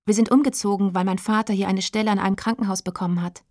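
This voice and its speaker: A woman voicing a shy, gentle teenage schoolgirl in a storybook reading, speaking softly and politely. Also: mid-range voice, steady tone, fast talker, dry recording, clean studio sound, natural voice. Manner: soft, polite.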